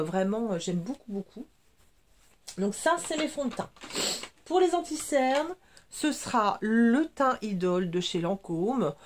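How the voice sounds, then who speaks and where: A beauty vlogger in her forties chats casually and enthusiastically about her makeup products, sniffling a little and using lots of fillers. Her voice is medium-pitched with a somewhat dark tone.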